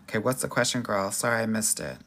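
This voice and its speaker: A man with a Southern Californian Valley accent hosts a casual live question-and-answer chat, giving dating advice in a sassy, slangy way with a husky, gravelly voice. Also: fairly low pitch, expressive, fast, a bit bright, a little hiss or hum. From Southern California, United States. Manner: sassy, slangy, addresses viewers as girl.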